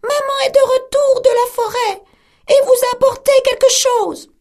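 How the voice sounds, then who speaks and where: A woman's voice: extremely high pitch, steady tone, normal speed, a little mellow, voice pushed up. A woman voicing a sly, hungry male wolf who coaxes and threatens. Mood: coaxing. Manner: coaxing, then threatening.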